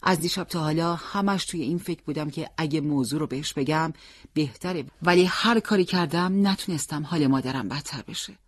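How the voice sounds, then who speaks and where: A reader voicing a calm and determined teenage boy who speaks gently and earnestly. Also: mid-range voice, no echo, lightly acted.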